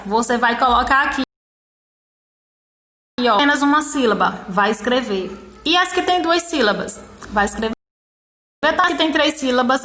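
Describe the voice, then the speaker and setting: A woman teacher with a Brazilian Portuguese accent, explaining a workbook lesson to young children and counting syllables slowly one by one. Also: high-pitched, sharp tone, roomy sound. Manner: slow, syllable-by-syllable counting, encouraging. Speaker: primary school teacher.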